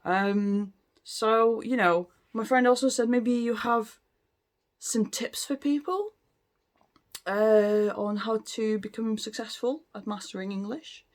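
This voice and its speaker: A Latvian language-learning vlogger in his or her late 30s, whose first language is Latvian, talks casually to camera in a medium-pitched voice at a slow pace. The delivery is chatty and unscripted but hesitant, full of ums and restarts.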